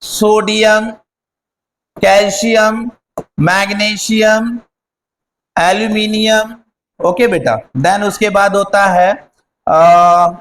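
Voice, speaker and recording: A man's voice: sits high, fairly even intonation, drawn-out words, pauses often, fairly bright tone, a little hiss or hum, poor audio. A man teaching a chemistry lesson online, repeating key words and quizzing his pupils as he goes.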